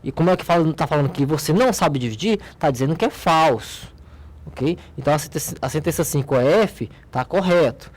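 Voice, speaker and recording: Standing at the board, this Brazilian-accented man teaches logic as a math teacher, patiently explaining an exercise and frequently asking his students brief questions. He sounds a little high-pitched, animated, and brisk.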